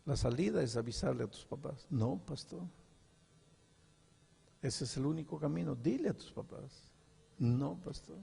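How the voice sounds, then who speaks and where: An older man preaches a sermon in a high, gravelly voice with a husky edge. He acts out conversations in his stories, dropping to a hush and then rising loud. The sound rings with long hall reverb. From Peru. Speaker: pastor.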